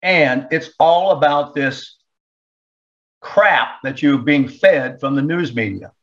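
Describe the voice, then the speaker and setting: A man's voice: fairly high pitch, slow, fairly bright tone, lo-fi sound. A man hosting an opinion talk show, sarcastic and indignant as he reads excerpts aloud and comments on them.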